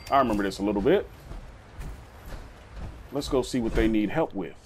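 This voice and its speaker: A man's voice: on the low side, normal speed, background noise. A young man hosting a casual gaming video, rambling and slangy, calling everyone bro. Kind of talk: casual let's-play commentary.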